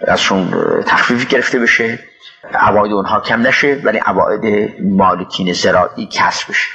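Gravelly-voiced older man reminiscing slowly. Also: lowish voice, a bit bright, lo-fi sound. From Iran. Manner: halting, with restarts and pauses. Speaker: interviewee recalling his time as a city official. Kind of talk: reminiscing interview.

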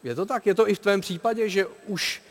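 A man hosting a sports talk show, putting questions to his guests. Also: high-pitched. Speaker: host.

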